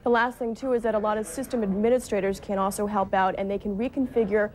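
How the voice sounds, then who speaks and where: A woman's voice: mid-range voice, steady tone, fast. A woman with an American accent reporting live for television news, moving between explanation and scripted narration.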